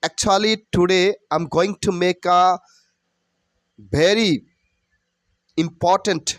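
A man's voice: sits high, steady tone, drawn-out words, no echo. A man giving a spoken English pronunciation lesson that mixes Bengali and English, earnest and repeating each letter over and over.

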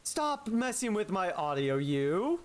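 A man's voice: high voice, very animated, takes it slowly. A man streaming a game, bantering loosely with a friend and reading game text aloud. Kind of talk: casual co-op game chat. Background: game music.

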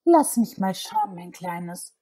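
A woman voicing a loving old grandmother in an audiobook, soft and husky. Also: medium pitch, very animated, takes it slowly. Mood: tender.

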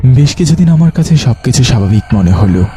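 A man's voice: medium pitch, lively intonation, brisk, mellow, slight background noise. A man narrating a dramatized first-person ghost story in an earnest, dramatic way.

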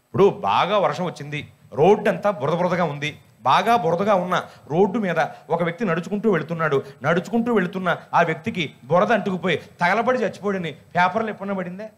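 A man, a pastor, preaching a sermon in an animated, humorous way and scolding his listeners with rhetorical questions. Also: high voice, fast.

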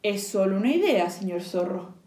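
A woman voicing a small, frightened but clever piglet in a read-aloud storybook, with high squealing pleas. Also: sing-song, moderate pace, dark tone, lightly acted. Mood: coaxing. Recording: echoey room.

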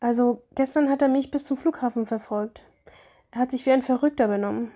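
Woman reading as a calm young heroine. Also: fairly high pitch, fairly quick, natural voice. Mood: earnest.

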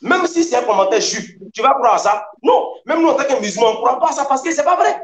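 High voiced guy arguing hard in a debate, keeps repeating himself, echoey. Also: expressive, fast. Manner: combative, emphatic, repeats his points. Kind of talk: heated debate. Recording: echoey room sound.

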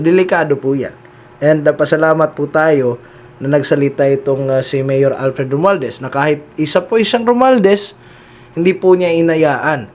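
Man giving animated political commentary. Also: fairly high pitch. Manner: keeps addressing listeners, heavy "no?" and "di ba?" tags.

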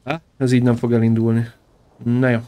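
A man hosting a gaming channel, giving casual let's-play commentary, excitable, swearing and taunting the enemies on screen. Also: medium pitch.

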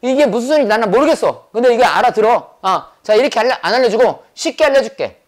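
A man teaching English grammar in a brisk lecture, drilling points over and over and firing rhetorical questions at his students. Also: very high-pitched, lively intonation. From South Korea. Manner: quizzing with rapid rhetorical questions. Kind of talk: classroom lecture.

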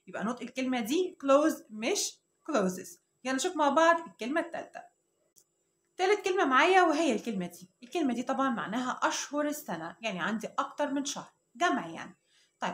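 A woman teaching English pronunciation with an Egyptian Arabic accent, repeating each word slowly and carefully. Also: high voice, fairly bright tone, reverberant. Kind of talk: children's English lesson.

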